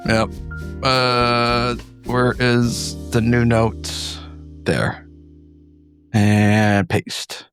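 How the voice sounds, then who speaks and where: A man's voice: mid-range voice, little pitch movement, drawn-out words, pauses often, music in the background. A man hosting a tabletop game as game master, chatting casually and informally as he reads out submissions.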